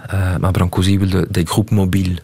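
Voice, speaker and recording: A man being interviewed on the radio, explaining an exhibition in a thoughtful, halting way with many fillers and restarts. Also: deep voice, flat delivery, darkish tone, slightly rough. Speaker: festival artistic director, guest.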